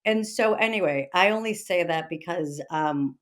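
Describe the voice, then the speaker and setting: A Texas woman in her early fifties speaks in a lowish voice, halting yet emphatic. She is a podcast guest, an author and meditation teacher, telling personal stories in a conversational interview.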